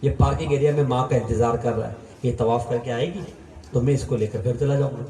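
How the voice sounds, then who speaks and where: Dramatic preacher, echoey distant hall. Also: male voice, fairly even intonation, mellow. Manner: dramatic storytelling, voice rising to impassioned peaks and sinking low for quoted lines. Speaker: religious preacher. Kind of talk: storytelling sermon.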